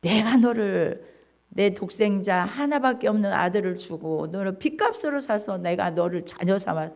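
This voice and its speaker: Woman preacher acting out a reassuring fatherly God, emphatic and animated. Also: medium pitch, normal speed, pitched below the performer's own voice, lightly acted. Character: fatherly God reassuring his child, firm.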